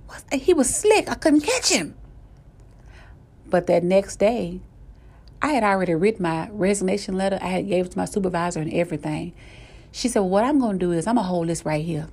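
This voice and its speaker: Woman, preacher, gravelly fry, earnest, chatty sermon, speaks to "y'all". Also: medium pitch, a little mellow. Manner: earnest, conversational, addresses listeners as y'all. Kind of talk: motivational sermon.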